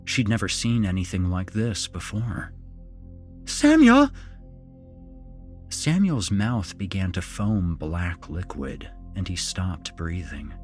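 Deep slow-talking male horror narrator. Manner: slow, dramatic, measured delivery. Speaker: storyteller.

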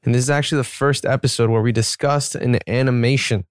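A young man co-hosting a podcast, talking in a relaxed, easygoing way. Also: mid-range voice, fast, no room sound, clean studio sound. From Georgia, USA. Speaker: podcast co-host. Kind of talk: casual podcast chat.

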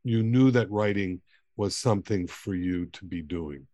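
A man's voice: sits low, measured pace, warm tone, dry recording, studio quality. A man hosting a podcast interview, eagerly framing questions and summing up the guest's book. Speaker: podcast host.

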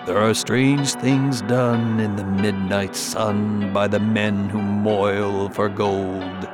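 A haunted gold prospector telling a grisly tale of the frozen north in dramatic verse. The voice is low and creaky, and the pacing is very slow. The delivery is theatrical, sinking to dread and rising to cries, with music underneath. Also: male voice, little pitch movement. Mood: grim wonder. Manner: theatrical, swinging from hushed dread to shouted cries. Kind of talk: dramatic horror poetry recitation over music.

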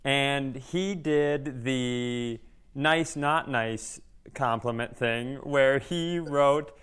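This man, a podcast co-host and stand-up comedian, tells self-mocking, joking stories in a relaxed conversational style. His mid-range voice is clean and a bit bright, and he talks extremely slowly.

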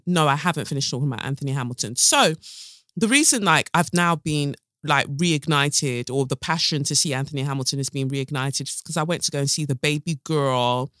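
A woman's voice: a bass voice, fairly bright tone, dry recording, clean studio sound. A woman hosting a casual solo podcast in a playful, emphatic, slangy way, her speech slightly impeded by the retainers she is wearing. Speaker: podcast host.

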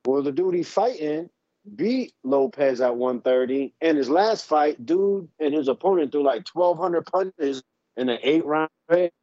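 A man calling in to a show over a bluetooth headset mic that keeps breaking up, talking casually with plenty of halting fillers. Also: on the high side, expressive, warm tone, no room sound. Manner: halting, filler-heavy, says "man" a lot. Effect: bluetooth headset mic cutting in and out. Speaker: caller. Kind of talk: casual call-in fight talk. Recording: muffled dry bluetooth call audio.

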